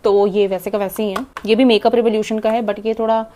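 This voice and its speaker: A young Indian woman with an Indian accent, chatting fast through a casual makeup tutorial as she applies it and swallowing half her words. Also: medium pitch, little pitch movement, warm tone, a little hiss or hum. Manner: chatty, demonstrating while applying makeup. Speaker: makeup vlogger. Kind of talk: casual makeup tutorial, Hindi-English mix.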